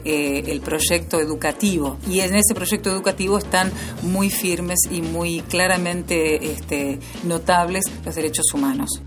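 Young woman, lowish voice, thoughtful interview answer, light music. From Argentina. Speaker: university student.

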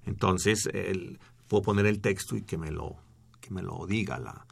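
A middle-aged man explains speech technology in a radio studio. His voice is very low, with gravelly fry and a husky edge. He talks in long explanations full of fillers and restarts. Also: unhurried.

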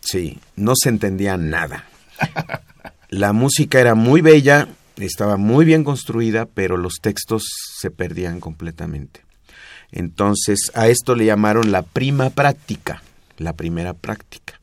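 A man's voice: fairly low pitch, expressive, a little slow, dry recording. A man with a Mexican Spanish accent, explaining music history in a didactic, patient way on a radio talk show. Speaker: music expert guest.

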